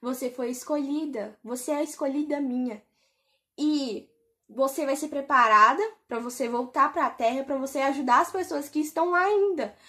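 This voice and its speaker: Brief: woman voicing Jesus, calm gentle man, soft reassuring lines, high-set voice. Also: normal speed. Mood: solemn.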